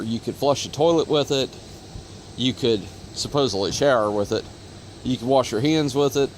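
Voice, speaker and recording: Recorded on a phone in the sun, this Ohio native hosts an auto parts video, speaking in a medium-pitched voice with slight background noise. His casual, rambling talk is thick with fillers and corrections.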